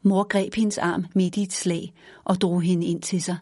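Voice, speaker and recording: A woman reads a children's story aloud in a gentle, even way. Her voice sits low with a husky, breathy edge. The recording is close and dry, with no room sound. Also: no room sound.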